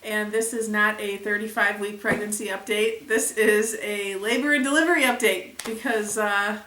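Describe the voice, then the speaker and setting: A young woman vlogger chatting casually to the camera, retelling events with lively acted quotes. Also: mid-range voice, moderate pace, recorded from a distance, slight background noise. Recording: echoey room, a bit off mic.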